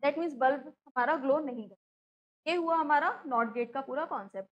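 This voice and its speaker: Female teacher, high voice, patient step-by-step classroom explanation. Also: moderate pace, dull audio. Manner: explanatory, asks and answers own questions, frequent "theek hai".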